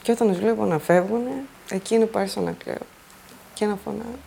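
A woman's voice: mid-range voice, gravelly, mellow, slight background noise. A woman giving a plain, earnest first-person account of surviving a flood. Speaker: flood survivor telling her story. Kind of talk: personal testimony.

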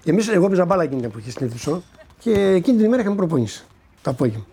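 High-pitched, gravelly and slightly rough with a dark tone, an older man's very animated voice tells an interviewer how he won the lottery. He acts out the dialogue in his story and stumbles over repeated words whenever he is moved.

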